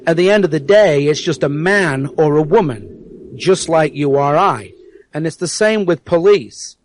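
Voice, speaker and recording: He's a guest on internet radio, a South Yorkshire man whose accent blends English with some American and is hard to place. He speaks earnestly at a measured pace in a fairly high voice with lively intonation, repeating words as he searches for them, with slight background noise.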